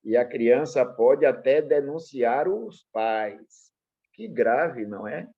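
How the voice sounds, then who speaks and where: A middle-aged man with a Brazilian Portuguese accent, a pastor teaching in an animated sermon full of personal anecdotes, acting out dialogue in changed voices. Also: mid-range voice, takes it slowly, breathy edge, phone-quality sound.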